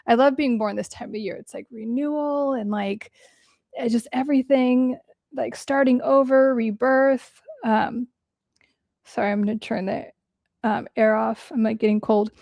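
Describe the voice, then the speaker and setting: A woman's voice: on the high side, steady tone, measured pace, vocal fry, dry recording, highs cut off. A young adult woman hosting a livestream as a therapist, talking bluntly and swearing freely while answering viewer questions, her voice cracking a little from a long day of talking. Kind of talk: casual livestream talk.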